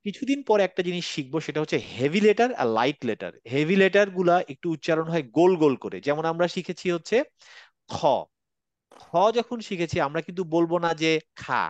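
A man teaching an online class in a fairly high, dry, close voice. He is patient and models each sound slowly so that students can repeat it. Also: animated, dry recording. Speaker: Quran reading teacher.

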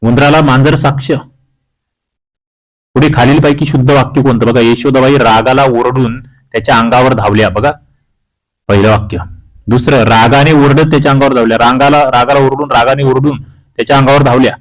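Male tutor from maharashtra working through a grammar quiz, reads out the choices, then explains, mid pitch. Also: fairly even intonation, brisk, rough recording. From Maharashtra, India. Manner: reads options aloud, then explains the answer. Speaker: exam-prep teacher. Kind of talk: quiz walkthrough lesson.

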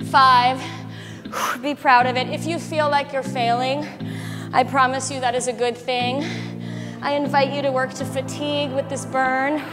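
A woman fitness instructor with a fairly high voice delivers a rousing pep talk over clearly audible music. She pushes with short commands and counts while working out herself, urging everyone on. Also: little pitch movement, a little slow, big-room sound. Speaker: fitness instructor leading a workout. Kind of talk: motivational pep-talk coaching during exercise. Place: large bright loft studio, indoors. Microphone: body-worn wireless mic.

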